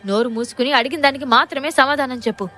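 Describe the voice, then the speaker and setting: A loud, ruthless gangster boss, as a woman puts him on. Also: a little high, moderate pace, faint music behind, natural voice. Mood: menacing. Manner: menacing, shouting and mocking.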